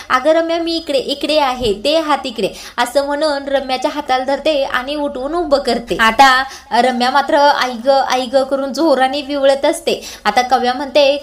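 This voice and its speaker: A woman with a Marathi accent retelling a TV serial episode, reading every character's lines in her own voice, with small hesitations. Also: high-pitched. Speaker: serial recap narrator.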